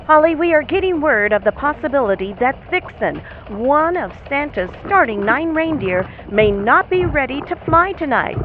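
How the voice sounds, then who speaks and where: A serious Christmas elf field reporter acted by a woman, heard over a thin phone-like line with clear noise. Her voice is animated as she gives an urgent radio news report. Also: high voice, moderate pace, few pauses. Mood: urgent, concerned.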